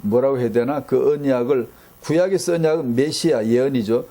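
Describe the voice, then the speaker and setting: A man's voice: mid-range voice, brisk, mellow. A man preaching a sermon as pastor, firing off rhetorical questions, repeating himself for emphasis and bantering with the congregation.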